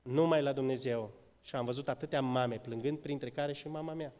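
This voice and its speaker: A man preaching a sermon to a congregation, swinging between loud exclamations and quiet asides. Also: mid-range voice, fairly even intonation. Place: church. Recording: church hall with long reverb.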